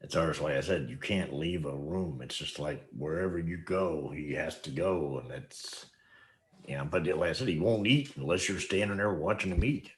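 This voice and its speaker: Very deep-voiced man in easygoing chat. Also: normal speed. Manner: easygoing, joking, chuckling. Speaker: co-host. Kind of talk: casual late-night chat.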